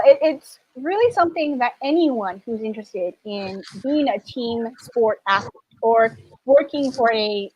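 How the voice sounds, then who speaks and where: A woman's voice: a little high, a little mellow, dry recording, lo-fi sound. A woman born in China and raised in Canada, a documentary director answering interview questions thoughtfully, with frequent restarts.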